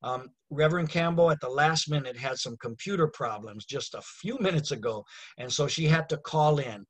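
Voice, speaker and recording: A man's voice: on the high side, moderate pace, dry recording. A man moderating an online discussion who hands the floor to the next speaker in a reassuring, informal way.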